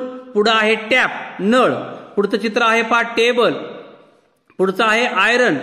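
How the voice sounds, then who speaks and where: A man's voice: sits high, bright, forceful tone. A man with a Marathi accent teaching an exam-prep lesson, patiently asking questions and answering them himself. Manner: patient, asks and answers his own questions. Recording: echoey room with long reverb.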